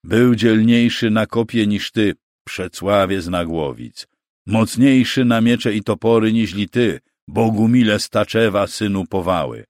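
A proud, capricious bishop with a deep, solemn voice, as a male narrator puts him on. He speaks sternly, intoning his words with lively rises and falls. The recording is dry and close. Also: slow, no echo, heavily acted.

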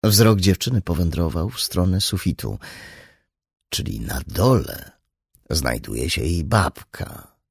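A man narrating an audiobook in an expressive, dramatic reading style. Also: low voice, takes it slowly, gravelly, breathy edge, dry recording, studio quality. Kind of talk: scripted narration.

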